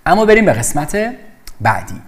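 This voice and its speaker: A man's voice: fairly high pitch, very animated. A man teaching English vocabulary in an explanatory lesson, emphatic and repeating words to drill pronunciation.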